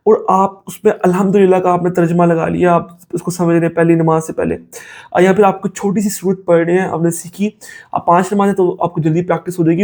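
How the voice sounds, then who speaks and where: मधुर आवाज़ वाला पुरुष वक्ता, पाकिस्तानी उर्दू लहजा. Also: male voice, high-pitched, a little mellow. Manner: conversational, mixes English phrases, asks "make sense?". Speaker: Islamic motivational speaker. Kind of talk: casual spoken advice talk.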